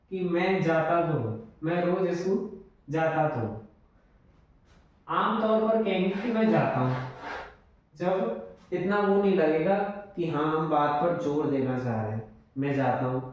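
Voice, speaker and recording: A man teaching English grammar in a slow, explanatory way, repeating his examples. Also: high-pitched, darkish tone. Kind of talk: classroom lesson in Hindi. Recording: very echoey room, voice from far off.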